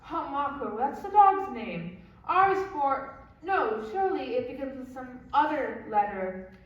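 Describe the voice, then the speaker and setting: A woman's voice: high-pitched, lively intonation, highs cut off. A teenage girl acting as a fussy, teasing old nurse who complains of aching bones in a school stage play. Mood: chatty. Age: teens. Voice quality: teasing, drawn-out complaining delivery. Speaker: student actor. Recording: echoey hall, distant mic.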